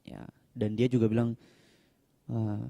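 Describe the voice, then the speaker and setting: A man's voice: normal speed, warm tone. A young man, a Buddhist monk, chatting casually in a question-and-answer talk without a microphone, acting out the people in his stories. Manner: chatty, acts out quoted people with raised pitch. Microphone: no microphone, voice sometimes quiet.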